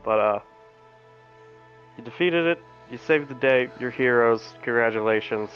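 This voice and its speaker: A man's voice: medium pitch, unhurried. A casual, profane man running a tabletop game. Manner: casual, profane, laughs mid-sentence. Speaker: game master. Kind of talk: recapping and narrating a tabletop game. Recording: dull lo-fi audio, faint music.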